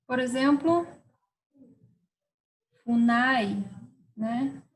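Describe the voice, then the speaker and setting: A grammar lesson comes from a woman teacher whose voice is a little high, heard on a low-quality recording. She is patient, spells words out slowly, and checks with her students along the way with repeated "tá?" and "certo?"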